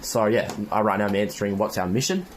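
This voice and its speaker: A teenage boy gives his viewers a casual update on the online business he's starting, narrating his own progress. His lowish voice is animated and quick, with background noise behind it.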